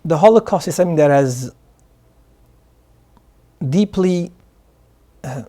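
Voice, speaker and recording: A man's voice: on the high side, lively intonation, slow, warm tone. A man from Morocco, a guest answering interview questions in an earnest way, often repeating words as he starts sentences. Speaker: guest, charity founder. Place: studio.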